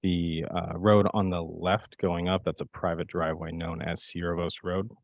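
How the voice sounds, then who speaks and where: Raspy man with a cold giving a staff presentation, low voice, dry mic sound. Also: no echo. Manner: steady, measured delivery with occasional fillers. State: hoarse from a cold. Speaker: capital project manager presenting to a board.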